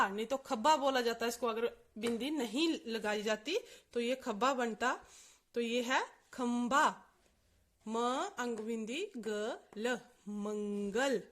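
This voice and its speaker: A woman teaching a reading lesson at a very slow, drawn-out pace. She sounds out each letter and syllable separately, then joins them into the whole word. Her voice sits a little high, and she asks questions and answers them herself. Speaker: Hindi teacher. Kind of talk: slow spelling-out lesson for children.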